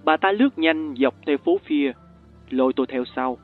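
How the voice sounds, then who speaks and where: A man narrating a suspenseful story in the first person with measured delivery. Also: fairly high pitch. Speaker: audiobook narrator. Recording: tinny lo-fi with faint music.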